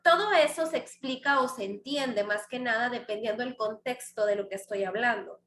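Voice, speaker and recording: A woman teaches a grammar lesson in a bright, fairly high voice. She walks through each example patiently and answers her own questions. The room echoes around her. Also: normal speed. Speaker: English teacher. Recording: echoey room, faint background noise.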